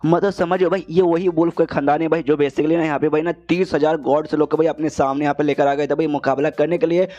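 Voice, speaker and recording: A man narrates a comic story in a loose, chatty style. His voice sits a little high with a mellow, warm tone. He rattles along at a rapid clip, calling the listener "brother" again and again. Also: fairly even intonation, muffled recording. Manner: chatty, says "bhai" in nearly every line. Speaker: manhwa recap narrator. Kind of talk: casual story recap.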